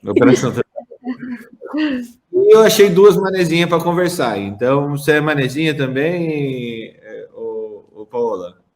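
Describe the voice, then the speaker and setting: Speaking at a medium pitch and normal speed, this man hosts a laid-back podcast where he brings on guests and kids around with them. Expect laughter, restarts, and a lively, talkative manner.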